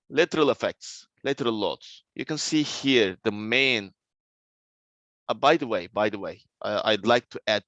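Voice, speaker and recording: Male university lecturer, Turkish accent, mid-pitched, unhurried and halting, restates key terms for students. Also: fairly bright tone, no room sound. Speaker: civil engineering lecturer.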